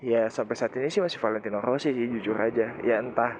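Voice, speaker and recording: A man's voice: mid-range voice, quick pace. A young man with a Jakarta Indonesian accent and a lisped r he cannot roll, rambling casually and slangily to viewers as a motovlogger. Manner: chatty, slangy. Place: riding a motorbike outdoors. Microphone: cut-off earphone mic inside helmet. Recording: muffled earphone mic, loud vehicle and wind noise.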